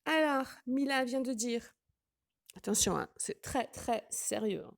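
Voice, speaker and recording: A woman with a fairly high voice presents casual gossip commentary as a channel host. She drops in sarcastic, teasing asides as she goes. The sound is dry, with very little room echo. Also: unhurried, creaky.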